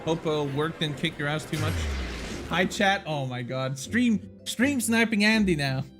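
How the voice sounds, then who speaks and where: A man's voice: on the high side, lively intonation, a little slow. Brief: casual male game streamer, rambling and jokey, music playing behind. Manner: rambling, laughing, swears offhand. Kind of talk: casual live-stream chat.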